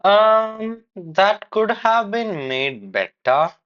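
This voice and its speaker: A man's voice: sits high, lively intonation, a bit bright, highs cut off. Man coaching through test feedback. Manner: explanatory, pauses to replay and correct answers. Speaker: IELTS coach giving feedback. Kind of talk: feedback commentary on a recorded test.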